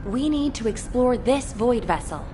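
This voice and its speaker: A woman voicing a composed, formal female headquarters commander giving a measured mission briefing in a video game. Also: a little high, expressive, music in the background. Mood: serious, measured.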